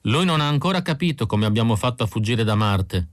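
A man voicing a sharp, brusque female android who speaks in a cutting way. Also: medium pitch, animated, a little fast, no room sound, clean studio sound, natural voice.

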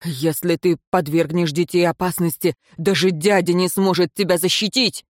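A narrator voicing a proud young lord and husband with a lower, firm voice. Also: little pitch movement, moderate pace, dry recording, clean studio sound, close to an everyday voice. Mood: furious. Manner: lower voice, angry shouts then quiet firmness. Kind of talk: audiobook character voice.

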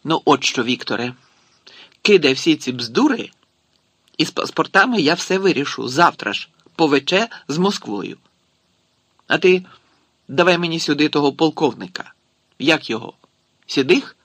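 A man's voice: a little high, lively intonation, normal speed, pauses often, a bit bright, breathy edge, dry recording. A man voicing a brusque, commanding Soviet security general who fires off curt questions.

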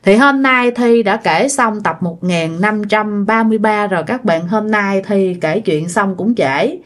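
A woman's voice: medium pitch, a little slow. Chatty woman storyteller. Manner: chatty, addressing listeners directly. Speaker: storyteller host. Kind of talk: casual ghost-story narration.

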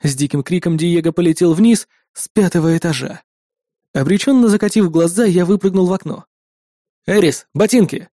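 A man's voice: a little fast, no echo, studio quality. A man reading a first-person story aloud and switching his voice for the different characters. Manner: shifts pitch and loudness to voice different characters. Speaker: audiobook narrator. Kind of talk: first-person narration with acted dialogue.

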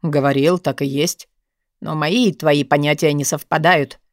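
A brooding, dominant man, as a woman narrator puts him on, lowering her voice into a calm, weary, measured register. Each line sounds firm and tired. The recording is close and dry, with no room around it. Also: no echo, close to an everyday voice.

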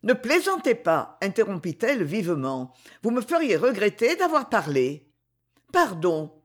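A reader voicing a charming young courtesan who speaks softly and pleads with tenderness in a French storybook reading. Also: medium pitch, very animated, a little slow. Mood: earnest.

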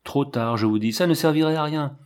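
A man voicing a brisk, commanding veterinarian. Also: mid-range voice, a little mellow, clear, resonant tone, voice pushed up, close to an everyday voice. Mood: urgent. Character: brisk, urgent male veterinarian.

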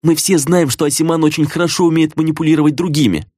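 A woman's voice: deep voice, steady tone, fast, warm tone, no room sound, studio quality, pitched above the performer's own voice. A man voicing a desperate, tearful young sorceress who pleads and cries out in a raised voice. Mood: pleading. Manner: pleading, crying out.

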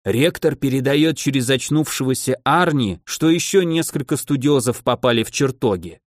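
A man's voice: mid-range voice, moderate pace, dry recording, clean studio sound, lightly acted. A man voicing a proud, solemn old grandfather mage with a grave manner.

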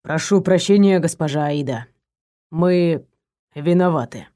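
Woman doing a low halting male guard. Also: dark tone. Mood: guilty. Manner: halting and hesitant. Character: apologetic male bodyguard, terse.

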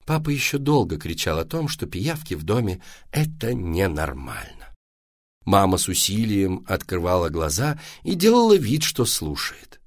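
A man narrating a children's story in an expressive, lively reading style. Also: low-pitched, normal speed, no room sound, clean studio sound.

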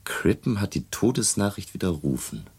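A man's voice: low-pitched, sing-song, normal speed, a little mellow, breathy edge, exaggerated voice. An actor playing a defensive man who reported a missing woman, speaking in an indignant, evasive way with emphatic stresses in a 1970s radio drama.

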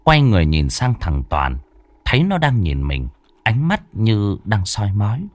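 A man's voice: lowish voice, wildly swooping pitch, measured pace, no echo. A man narrating a horror audiobook in a dramatic storytelling manner.

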